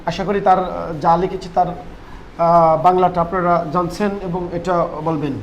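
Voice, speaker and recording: High-voiced Bangladeshi man teaching English. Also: flat delivery, lo-fi sound, slight background noise. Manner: explains slowly, repeats phrases, asks and answers own questions. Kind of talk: spoken English lesson.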